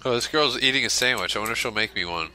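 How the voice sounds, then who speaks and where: A man joking and reacting loudly while he and a friend play a video game together. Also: medium pitch, very fast. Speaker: gamer. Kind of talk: casual co-op gameplay commentary.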